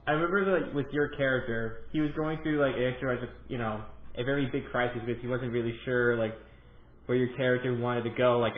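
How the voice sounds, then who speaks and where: A man chats casually as a podcast host, rambling a little as he finds his words. His mid-pitched voice sounds narrow and phone-like, with a clear room echo. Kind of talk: casual chat. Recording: roomy, thin phone-like line.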